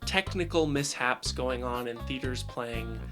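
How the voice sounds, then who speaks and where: A man's voice: mid-range voice, measured pace. Young man, casual commentary, exasperated, chatty, faint music underneath. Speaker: commentary YouTuber.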